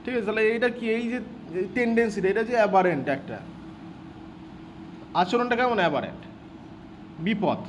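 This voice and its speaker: A man's voice: high-pitched, big pitch swings, brisk, pauses often, a little hiss or hum. A man teaching vocabulary, repeating words and answering his own questions. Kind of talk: vocabulary lesson explained in Bengali.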